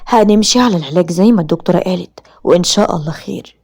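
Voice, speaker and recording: A woman voices a calm young husband with an Egyptian accent in a storybook tale. He speaks in an even, reassuring way. The voice is mellow and a little distant. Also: fairly low pitch, racing, slightly rough. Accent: Egyptian Arabic.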